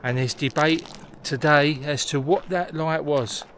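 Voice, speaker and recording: A man's voice: fairly high pitch, unhurried, fairly bright tone. A man hosting a vlog and explaining things as he goes, recorded outdoors in a forest. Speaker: host. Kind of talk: explanatory vlog narration on location. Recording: noisy outdoor location sound.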